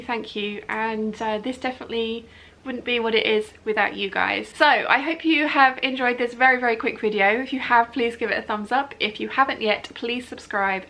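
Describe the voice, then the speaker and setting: A British woman hosting a casual, chatty giveaway announcement video in an upbeat, excitable, emphatic way. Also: fairly high pitch, gravelly, slight background noise. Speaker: video channel host.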